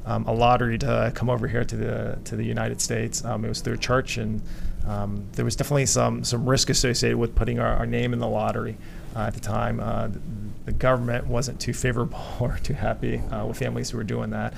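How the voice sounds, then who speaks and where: A man from Vietnam, a company co-founder, answering radio interview questions haltingly with many fillers. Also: mid-range voice, little pitch movement, vocal fry, a little hiss or hum. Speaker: guest, hotel company co-founder.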